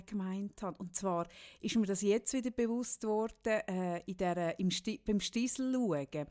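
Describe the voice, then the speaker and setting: A woman's voice: mid-range voice, darkish tone. A woman in her thirties with a Swiss German accent, a mother, co-hosting a casual chat, teasing her co-host and laughing often. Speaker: podcast co-host.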